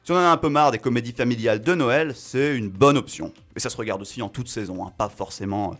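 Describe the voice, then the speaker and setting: A man's voice: medium pitch, fast talker, fairly bright tone. Chatty French radio film columnist, man. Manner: chatty, self-mocking, many fillers and restarts. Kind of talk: casual radio film chronicle. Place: radio studio.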